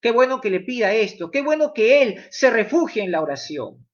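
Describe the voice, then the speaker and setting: A man's voice: extremely high pitch, very animated, normal speed, highs cut off. A man preaching a sermon, emphatic, putting questions straight to his listeners.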